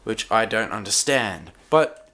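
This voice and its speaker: Slow, rambling man reviewing a toy. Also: on the low side, expressive, bright, forceful tone. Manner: rambling, halting, with many restarts and fillers. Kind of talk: casual hands-on toy review. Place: dim room at a desk.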